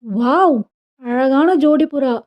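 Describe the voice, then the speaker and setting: A woman's voice: high-pitched, takes it slowly. A woman storyteller voicing a young woman who is hurt, then curious and childlike. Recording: dull lo-fi recording.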